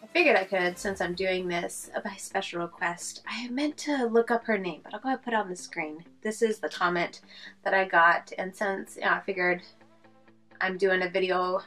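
This beauty vlogger, a young woman, does her makeup tutorial indoors in a small room at home, close to the camera. Her mid-range voice sounds stuffy and congested, a bit bright, and moves at a moderate pace as she chats and rambles with fillers over faint background music.

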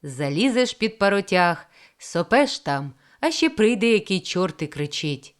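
A woman voicing a boastful middle-aged male railway inspector, loud and drawling as he tells his tale. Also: on the low side, very animated, measured pace. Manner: loud, drawling, self-pleased storytelling.

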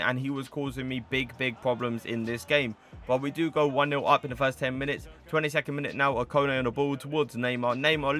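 A man's voice: medium pitch, bright, forceful tone. A man in his twenties giving casual gameplay commentary in a chatty, slangy way, with stock phrases he repeats. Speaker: gaming video host.

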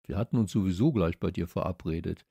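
A man's voice: low voice, fast talker, gravelly, mellow, slightly rough, dry recording, clean studio sound, heavily acted. A man voicing a good-natured schoolboy in a children's audiobook, talking in loose street slang. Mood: casual.

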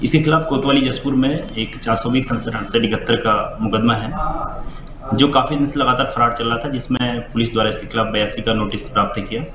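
Male police officer, rapid formal statement, echoey office sound. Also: mid-range voice, crowd noise. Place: small indoor office. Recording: roomy, clearly noisy office recording.

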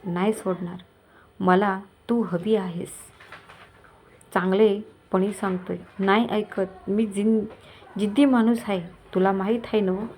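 A woman's voice: medium pitch, fairly even intonation, slow pace, long pauses, a little mellow, a little hiss or hum, natural voice. A woman voicing a scheming, lecherous middle-aged village moneylender who talks in a coaxing, menacing way. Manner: coaxing, menacing, falsely kind.

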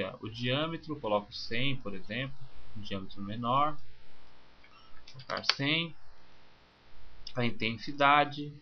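A man, teaching software in a screencast and calmly walking through each click step by step. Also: medium pitch. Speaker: software instructor. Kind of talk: screencast tutorial. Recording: slightly muffled with faint hiss.

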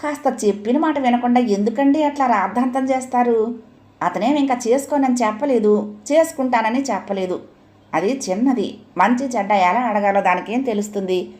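A woman's voice: fairly high pitch, normal speed, a little mellow, lightly acted. Brief: woman doing an anxious, pleading middle-aged mother for an audio story. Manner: coaxing, pleading.

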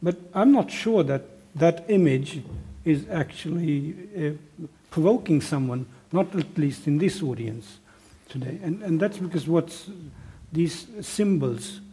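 A man on a panel discussion posing a thoughtful question, speaking in halting phrases. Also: a little high, lively intonation, dark tone.

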